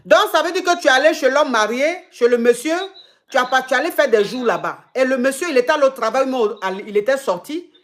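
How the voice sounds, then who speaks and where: A woman's voice: high-pitched, lively intonation, fast talker. A woman with an Ivorian French accent hosting a call-in advice show, retelling a caller's story back to her with many repeated phrases. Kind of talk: live call-in advice chat.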